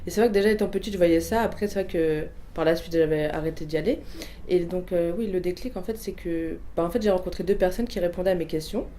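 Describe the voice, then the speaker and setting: Speaking fast in a low, dark voice, a young woman in her twenties with Portuguese family heritage gives a personal testimony, answering prompts. She's hesitant, using many fillers and restarting often, and there's slight background noise.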